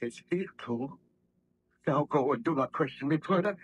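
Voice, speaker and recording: Anguished, husky baron scientist. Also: male voice, on the high side, moderate pace. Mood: commanding, stern. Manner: formal, declamatory, theatrical. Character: anguished baron scientist, guilt-ridden and commanding. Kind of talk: 1930s radio drama acting. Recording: muffled old radio drama recording.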